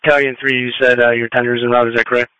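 Fast, clipped male radio dispatcher. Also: medium pitch, little pitch movement, bright, forceful tone, smooth, lo-fi sound. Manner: clipped, businesslike. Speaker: emergency dispatcher. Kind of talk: procedural fire and ambulance radio dispatch. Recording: dry close two-way radio audio.

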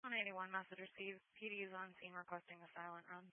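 A woman's voice: lowish voice, little pitch movement, quick pace. A woman working as an emergency dispatcher, speaking in terse, businesslike procedural phrases over two-way radio. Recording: tinny narrowband two-way radio.

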